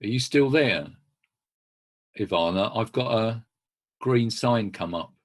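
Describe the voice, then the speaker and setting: A man's voice: lowish voice, lively intonation, slow. A man giving an informal talk over a video call, conversational and anecdotal, with frequent restarts. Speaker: speaker working with children.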